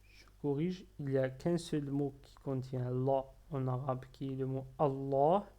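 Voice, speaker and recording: A man teaching Arabic letters step by step, patiently drilling syllables slowly and repeating them. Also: medium pitch, fairly even intonation, warm tone. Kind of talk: slow step-by-step lesson.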